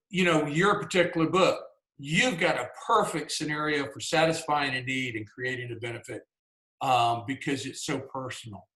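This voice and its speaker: A Southern-accented man leads a workshop for writers over a video call, talking in a relaxed, folksy way with plenty of asides. His voice sits at an ordinary middle pitch, and the sound carries a noticeable room echo. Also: moderate pace. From Georgia, US. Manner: folksy and conversational, many "you know"s. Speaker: workshop presenter. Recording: roomy echo.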